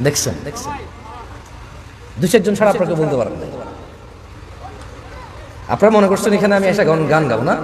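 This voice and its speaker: A man with a loud, high voice preaches a sermon at a large religious gathering, amplified through a mic. He talks a little fast with frequent pauses, restless as he scolds the crowd. The PA sound is echoey and heard from far off.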